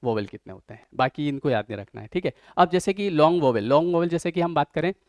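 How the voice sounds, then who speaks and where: A man's voice: fairly high pitch, animated, fast talker, dry recording, studio quality. A man with an Indian accent teaching an online exam-prep lesson. He explains step by step and keeps checking whether his students follow.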